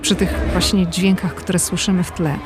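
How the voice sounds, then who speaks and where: A woman reporter talking casually and with animation about an event she attended, quick to push back in discussion. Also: lowish voice, little pitch movement, loud music behind the voice. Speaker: correspondent.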